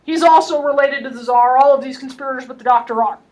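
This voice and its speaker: Lively woman lecturing from a distance. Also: high-pitched, fast talker. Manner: lively, wry, laughing asides. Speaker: history lecturer. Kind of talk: animated storytelling lecture. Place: classroom.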